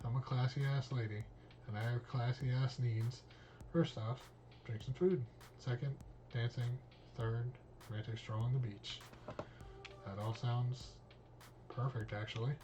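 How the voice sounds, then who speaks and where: A streamer reading a visual novel aloud, voicing all parts in a casual, cursing manner. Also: male voice, medium pitch, steady tone, measured pace, pauses often, noisy background. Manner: casual, reads all parts, drops in swear words.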